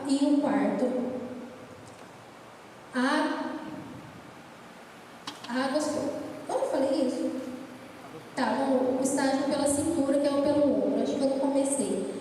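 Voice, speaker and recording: A woman's voice: sits high, mellow. A Brazilian woman giving an informal youth sermon, conversational and checking in with listeners, with a slightly tongue-tied speech impediment. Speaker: church preacher. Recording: very echoey hall, distant mic, faint noise.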